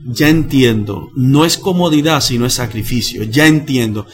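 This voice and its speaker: A man, a missionary pastor who tells his story in a lively, dramatic way and slows down for the lines he quotes. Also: mid-range voice. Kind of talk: animated personal storytelling.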